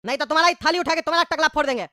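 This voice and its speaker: A woman voicing a quarrelsome grown man, a short-tempered husband and father, bickering fast and angrily. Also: sits high, sharp tone, dry recording, clean studio sound. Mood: angry. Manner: rapid angry bickering. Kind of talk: cartoon voice acting.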